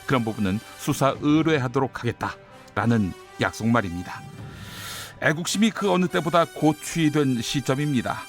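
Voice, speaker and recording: A man hosting a radio show, delivering an indignant editorial commentary and show opening. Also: mid-range voice. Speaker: radio host.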